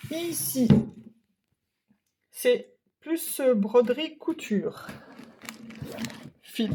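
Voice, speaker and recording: Slow, hesitant woman with a Ch'ti accent. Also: high-pitched, expressive. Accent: Ch'ti (northern French). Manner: hesitant, many fillers, thinking aloud while sorting. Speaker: craft vlogger. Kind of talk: casual room tour of craft supplies. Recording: loud crinkling and clicking handling noise. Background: rustling of packaging and boxes.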